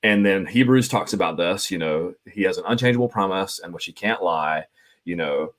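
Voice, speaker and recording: Low-voiced man, animated co-host. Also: moderate pace. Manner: animated, laughs often. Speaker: podcast co-host. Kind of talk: casual discussion.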